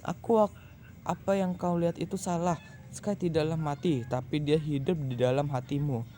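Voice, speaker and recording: Man putting on a gentle girl pup voice. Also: on the high side, steady tone, normal speed, slight background noise, close to an everyday voice. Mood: soothing. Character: young female rescue pup, gentle and caring.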